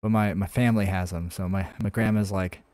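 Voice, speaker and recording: A man's voice: deep voice, fairly even intonation, fairly quick, a little mellow, no echo, clean studio sound. A man streaming his game development, thinking aloud in a rambling, casual way with many fillers and restarts while answering chat. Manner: answers chat messages between coding steps.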